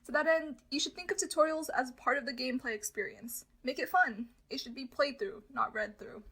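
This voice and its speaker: Casting: female lecturer with a high voice, instructional and addressing listeners in prepared phrases. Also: brisk, fairly bright tone.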